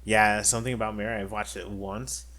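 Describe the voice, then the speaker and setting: A man's voice: fairly low pitch, little pitch movement, a little fast, pushed and bright. A man co-hosting a podcast in casual chat, rambling with many fillers and restarts. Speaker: podcast co-host.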